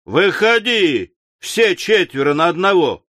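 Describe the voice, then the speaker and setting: A man doing a brawling, loud-mouthed cabman. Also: sits high, lively intonation, moderate pace, no echo, clean studio sound, pitched above the performer's own voice. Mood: belligerent. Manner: loud, belligerent, challenging. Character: brash quarrelsome male London cabman, bellicose.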